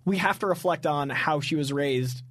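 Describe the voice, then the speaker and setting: A man's voice: a little high, moderate pace, a bit bright, no room sound. A man co-hosting a comics podcast, chatting casually with playful jokes and self-deprecating asides. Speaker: podcast co-host. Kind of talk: casual chat.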